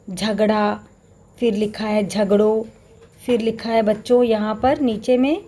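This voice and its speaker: A woman's voice: fairly high pitch, mellow. Patient woman teaching young children. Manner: patient, explains slowly, often addresses children. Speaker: primary school teacher. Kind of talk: recorded classroom lesson for children. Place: Chhattisgarh, India.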